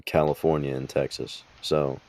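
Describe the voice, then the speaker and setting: A man's voice: very deep voice, little pitch movement, moderate pace, darkish tone. A young man co-hosting a casual podcast, rambling and stammering through restarts as he talks. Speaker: podcast co-host. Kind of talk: casual chat.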